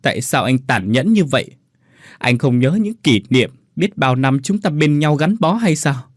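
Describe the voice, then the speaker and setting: A man's voice: mid-range voice, lively intonation, a little slow, no room sound, studio quality. A man voicing a pregnant young wife who pleads tearfully. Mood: desperate pleading.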